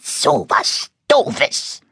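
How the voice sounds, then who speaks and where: A man's voice: on the high side, very animated, slow, pushed and bright, breathy edge, dry recording, clean studio sound, pitched above the performer's own voice, full character voice. A man voicing a small, grumpy, shaggy monster in a children's audiobook, grumbling and sulky. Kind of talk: audiobook character voice.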